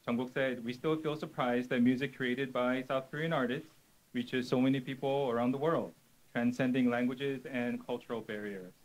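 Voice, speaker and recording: A man's voice: mid-range voice, steady tone, normal speed, rough recording. A man working as an interpreter, relaying statements in a formal, orderly way at an official event.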